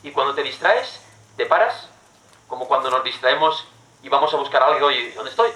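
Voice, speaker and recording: A man, a parish priest from Spain, giving a conversational sermon full of rhetorical questions and soft, prayerful asides. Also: mid-range voice, lively intonation, normal speed, distant mic. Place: church. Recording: echoey church room, faint noise.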